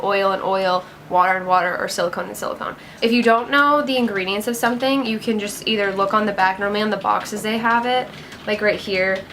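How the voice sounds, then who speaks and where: A woman's voice: mid-range voice, fairly bright tone, slight background noise. A young woman talking casually through a makeup tutorial, upbeat and chatty, full of "like" and "gonna". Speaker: beauty vlogger.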